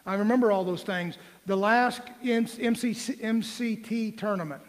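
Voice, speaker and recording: High-voiced preacher in a ringing hall. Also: male voice, moderate pace. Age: 40s. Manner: folksy, joking asides, rising to emphatic questions. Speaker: pastor. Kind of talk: sermon. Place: church sanctuary. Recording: long reverb of a church hall.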